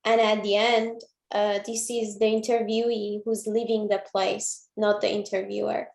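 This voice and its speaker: Casting note: young woman from Iran, flat and gravelly delivery, heard over a video call. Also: mid-range voice. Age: 20s. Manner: slow and measured, pauses often to find words. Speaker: featured artist. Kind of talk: online interview. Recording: roomy echo.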